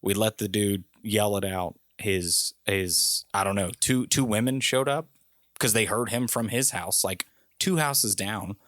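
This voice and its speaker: A man's voice: fairly low pitch, unhurried, no room sound, studio quality. A man co-hosting a podcast, telling a story in casual chat and acting out the people in it with a raised voice. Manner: animated storyteller, raising his voice when quoting people. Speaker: podcast co-host.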